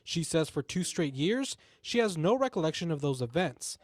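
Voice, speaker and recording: A man delivers a local TV news report in a slightly higher voice, steady and measured. The sound is dry and close, with no room around it. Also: no room sound. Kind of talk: scripted news narration.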